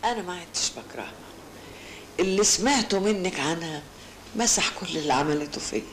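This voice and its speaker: An actress with an Egyptian accent playing an older imprisoned mother, soft, affectionate and resigned. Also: lowish voice, lively intonation, fairly quick, echoey room, noisy background, lightly acted. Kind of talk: film drama acting.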